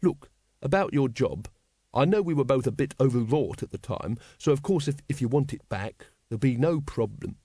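A man's voice: medium pitch, expressive, normal speed, warm tone, breathy edge, dry recording, clean studio sound. Wonse, a man doing a nervous, placating secretary.

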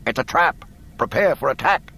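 A man's voice: a little high, lively intonation, moderate pace, vocal fry, pushed and bright, a little hiss or hum, pitched above the performer's own voice, exaggerated voice. A man voicing an alien fleet admiral who gives urgent, raised commands.

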